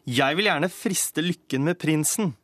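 A man voicing a plucky, quick-witted young fairy-tale hero who answers back boldly in a radio story. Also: on the high side, a bit bright, dry recording. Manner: cheeky, bold retorts.

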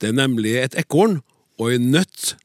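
A radio show host runs a language program from a radio studio, playful and chatty with his guests and reading listener letters aloud. His mid-range voice has lively intonation, recorded at studio quality with no room sound.

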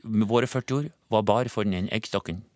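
An actor playing an overconfident male interpreter and advice-column host, speaking deadpan and self-assured. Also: fairly low pitch, no echo, clean studio sound, lightly acted. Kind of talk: deadpan sketch comedy.

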